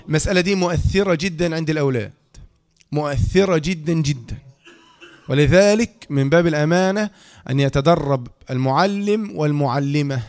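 A man with an Egyptian accent gives a lecture on reading rules, and his voice sits noticeably high. He talks quickly, drilling the same phrases again and again. He keeps prompting his listeners to fill in the missing word. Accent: Egyptian Arabic. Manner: repeats key phrases and quizzes listeners with "إيه؟". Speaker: teacher.

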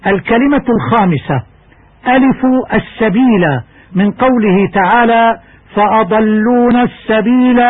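A man teaching Quranic recitation in a scripted radio lesson, explaining rules in a measured way and chanting examples slowly. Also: high voice, slightly rough. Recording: tinny narrow-band radio recording.

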